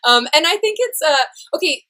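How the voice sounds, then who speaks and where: Brief: upbeat American woman host, slightly high voice, eager and chatty with guests. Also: sing-song, normal speed, bright, forceful tone. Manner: bubbly, enthusiastic, laughs often. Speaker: interview host. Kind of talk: casual interview chat.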